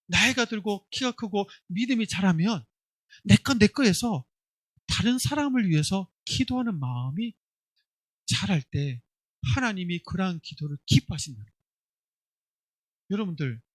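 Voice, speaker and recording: A man preaching a lively sermon to children, sometimes acting out their voices and leading them in repeating after him. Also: sits high, slightly rough, no room sound. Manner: animated, acts out children's voices, leads call-and-response. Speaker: pastor.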